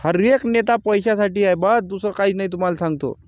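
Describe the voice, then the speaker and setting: A man's voice: high-pitched, fairly quick, a little mellow, no echo. A man, a farmer vlogging casually from his field and speaking bluntly about crop prices. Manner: plain-spoken, rising to angry complaint. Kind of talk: casual vlog talk to camera. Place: outdoors in a farm field.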